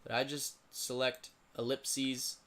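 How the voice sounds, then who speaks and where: A hoarse, tired teenage boy commenting on a simulated lacrosse league late at night, rambling and mumbling with self-pity between plays. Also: medium pitch, level tone, slow pace, fairly bright tone. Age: teens.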